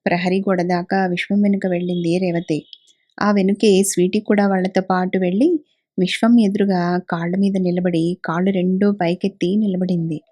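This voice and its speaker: A woman narrating a story in a calm, measured way. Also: lowish voice, no echo. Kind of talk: audiobook narration.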